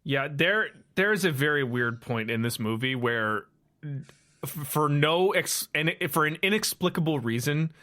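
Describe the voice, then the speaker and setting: A man's voice: a little high, lively intonation, measured pace, pushed and bright. A man co-hosting a casual film review podcast, laughing often and acting out lines in silly voices. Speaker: podcast co-host.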